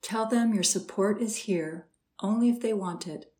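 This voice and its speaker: A woman guiding a slow, soothing meditation with gentle instructions and long pauses. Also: medium pitch. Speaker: meditation guide. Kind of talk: guided meditation.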